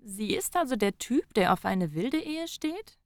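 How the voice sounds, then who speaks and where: A man's voice: extremely high pitch, big pitch swings, unhurried, no room sound, studio quality, voice pushed up, exaggerated voice. A male audiobook narrator voicing a frank young woman on the phone, speaking in a teasing, wry manner. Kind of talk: audiobook character voice.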